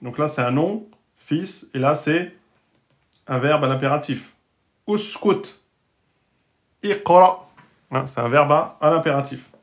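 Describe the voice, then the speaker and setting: Sounding out Arabic words slowly and repeating them, a patient male teacher explains the alphabet and Quran reading rules to learners who speak French. He checks in often with "hein?" and "d'accord?", and his voice sits on the high side with a fairly bright tone.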